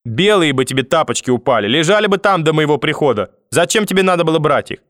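Brief: elderly granny, foul-mouthed and shrieking at her grandson, a man doing the voice, high and loud, dry booth read. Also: expressive, fast, dry recording. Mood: scolding. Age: older. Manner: shouting insults, high and loud. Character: shrill scolding old grandmother, furious and sharp-tongued. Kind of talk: audiobook character voice.

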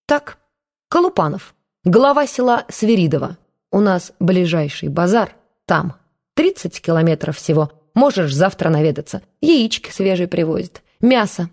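Shrewd old village aunt, blunt and mocking, low voice, read by a woman narrator. Audiobook. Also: sing-song, normal speed, a little mellow. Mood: stubborn.

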